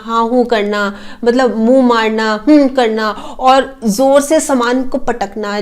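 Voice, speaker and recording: A woman with a high, light voice talks through tips on communication in a relaxed, conversational way. She leans on homely examples and fillers as she explains each point. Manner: explains with everyday household examples; uses fillers like matlab and a. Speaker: personality development coach. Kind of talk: casual spoken advice talk.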